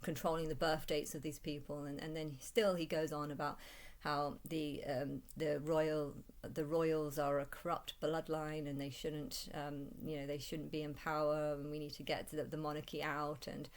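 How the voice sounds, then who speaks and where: In a rambling personal vlog, a low-voiced woman vlogger recounts her own experiences with little pitch movement. Her speech is halting, full of repeated and restarted phrases.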